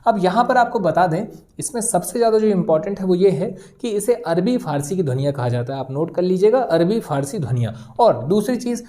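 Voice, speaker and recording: Mellow-voiced woman teaching a grammar lesson. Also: fairly low pitch, fairly quick, few pauses. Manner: steady explaining, repeating key terms for notes. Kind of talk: exam-prep grammar lesson. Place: video lesson recording.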